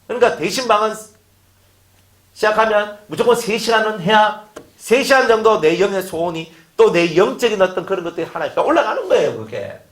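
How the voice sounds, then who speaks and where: A man's voice: sits high, animated, brisk, a bit bright. A man preaching a sermon, firing off rhetorical questions and acting out quotes. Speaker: pastor. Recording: echoey room.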